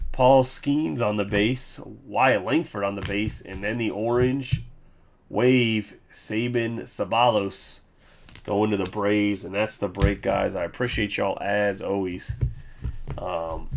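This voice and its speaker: Low, gravelly male host for a casual card-break stream; loose and joking. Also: a little hiss or hum. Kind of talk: casual live-stream recap.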